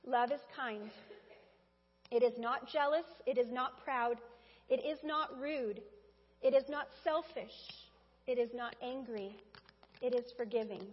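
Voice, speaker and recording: This woman's high voice carries a breathy edge as she preaches a Mother's Day sermon, chatting directly with the congregation. She's in a church sanctuary, and the recording sounds dull with lengthy hall reverb.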